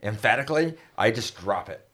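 A man chats with friends on a podcast, his voice swooping up and down as he plays out little scenes. He talks with animated, expressive energy. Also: fairly quick. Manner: animated, mimics others with big pitch swings. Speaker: podcast co-host. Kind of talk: casual group chat.

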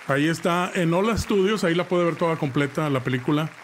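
A man's voice: on the high side, quick pace, a little hiss or hum. Chatty man telling a horror story. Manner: rambling with many "este" fillers and restarts; chatty, addresses co-host directly with slang. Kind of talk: casual live-show storytelling.

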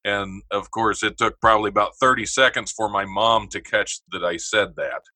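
Bright, dry-sounding low male voice. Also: moderate pace. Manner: laughs easily, relaxed storytelling. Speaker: radio show co-host. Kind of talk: casual chat.

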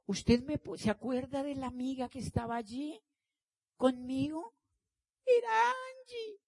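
A man voicing a curious young woman in a high, soft falsetto as he retells a conversation. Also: expressive, a little fast, dry recording. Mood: eager, pleading.

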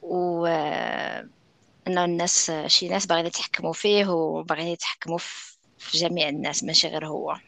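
A man with a Moroccan accent hosting a casual TV recap, speaking in halting phrases with pauses. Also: a little high, little pitch movement, vocal fry, sharp tone, no echo. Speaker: podcast host.

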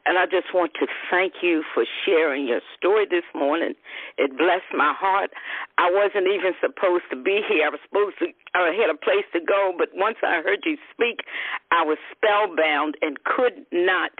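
Male caller, earnest and husky, tinny phone sound. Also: high voice, normal speed, no echo. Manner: earnest, thankful, quotes scripture. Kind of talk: phone call-in. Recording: dry phone line.

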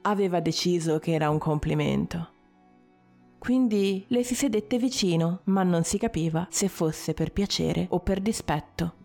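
Mellow low-voiced woman narrating a story. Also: unhurried, vocal fry, faint music behind.

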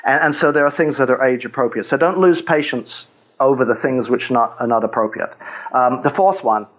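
An older man, a guest author, talking through his points in a relaxed conversational way about faith and fatherhood, with frequent chuckles. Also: medium pitch, fairly quick, lo-fi sound.

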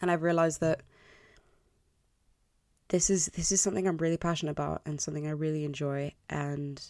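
A woman's voice: sits low, little pitch movement, fairly quick, darkish tone, dry recording, studio quality. A woman in her early twenties hosting a solo podcast, talking candidly and apologetically with a self-deprecating, confessional manner. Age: early 20s. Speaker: podcast host. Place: bedroom. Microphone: close podcast microphone.

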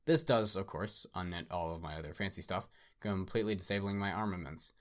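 A man voicing a manic, theatrical male artist villain who fawns over his guest, loud and sing-song with big jumps upward. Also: a little fast. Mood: gleeful, menacing. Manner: obsequious, repeats "sir", swings loud and high. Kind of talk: dramatic story reading.

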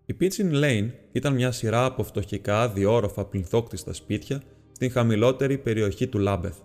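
A man narrating an audiobook in a steady, measured storytelling manner. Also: medium pitch, big-room sound, soft background music. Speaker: audiobook reader.

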